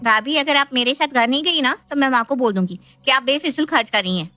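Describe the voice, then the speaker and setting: A woman voicing a sharp-tongued, pushy young woman in an animated family story, bossy and whiny. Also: sits high, quick pace, faint music behind, pitched above the performer's own voice.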